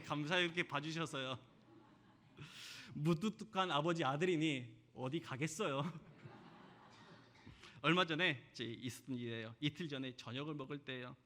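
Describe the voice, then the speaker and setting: A male pastor from Jeolla gives a Sunday sermon in an easy, chatty manner. He keeps asking the congregation questions and tells light stories that poke fun at himself. His voice sits high for a man and has a sharp, bright edge. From Jeolla, South Korea. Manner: conversational preaching with rhetorical questions and self-deprecating stories.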